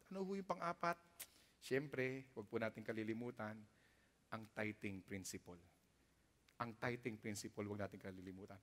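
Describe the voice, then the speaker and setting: A male pastor with a Filipino accent preaching a sermon, mixing Tagalog and English and swinging sharply in loudness for emphasis. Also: medium pitch, in a large hall. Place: church sanctuary.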